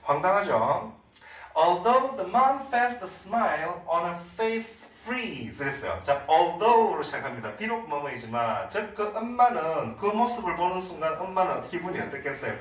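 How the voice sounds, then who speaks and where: A man with a Korean accent teaching an English reading lesson, explaining in Korean and reading English sentences slowly. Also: sits high, fairly bright tone, echoey room, distant mic, slight background noise, low-quality recording. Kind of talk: online lecture.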